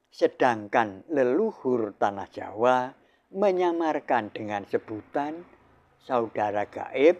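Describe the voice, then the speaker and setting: An older man preaches with great deliberation, setting down each short phrase and letting it rest before the next. His pitch sits at an ordinary middle height for a man, and the whole talk unfolds at an unhurried, almost halting pace. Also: a little mellow. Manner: measured, solemn, with long pauses between phrases. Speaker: spiritual teacher. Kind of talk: slow spiritual sermon.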